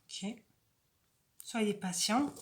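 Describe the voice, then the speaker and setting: A woman reads oracle cards aloud in a soft, casual voice and stops for chatty asides to her viewers. She speaks slowly and without hurry. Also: mid-range voice, noisy background. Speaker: oracle card reader. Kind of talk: casual oracle card reading.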